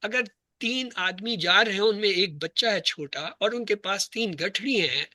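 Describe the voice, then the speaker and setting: During a classroom Arabic grammar lesson, a man slowly lists letters and words, spelling each example out, and keeps answering his own questions to the class. His voice sits high, bright and forward, recorded up close and dry without any echo.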